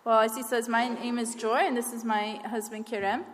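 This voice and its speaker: Missionary woman from Northwest Florida, a bit high-pitched, halting and earnest, church hall echo. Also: steady tone. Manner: earnest, halting, many fillers and restarts. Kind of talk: church missions presentation with slides. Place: church sanctuary. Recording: long hall reverb.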